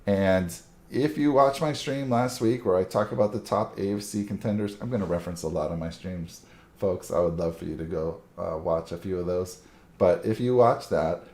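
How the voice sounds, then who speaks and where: A middle-aged man from Buffalo, New York talks casually to his channel's viewers, rambling and filling pauses with "uh" and "um". His voice sits very low and sounds mellow. The room around him is echoey. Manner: chatty, rambling storyteller with frequent fillers. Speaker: channel host. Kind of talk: casual chat to camera. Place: Southern California.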